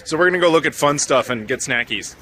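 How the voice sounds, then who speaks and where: A man with a mid-range voice talks straight to a handheld camera, chatty and self-mocking, like a travel host riffing as he goes. Steady background noise from the busy places he films in sits under his voice. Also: mid-range voice, fast. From United States. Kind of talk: casual travel vlog chat. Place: airport and supermarket. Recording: noisy on-location audio.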